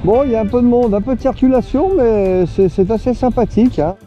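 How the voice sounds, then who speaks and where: A man talking live from his motorcycle, rambling cheerfully to himself and his viewers with plenty of "euh" and "hein". His voice sits high yet sounds very dark and mellow. The helmet-mic audio is dull and lo-fi, with faint music in the background. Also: a little fast. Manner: chatty, talks to himself and viewer with many fillers. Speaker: motorcycle vlogger. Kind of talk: live running commentary while riding. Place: on a motorcycle outdoors on the road.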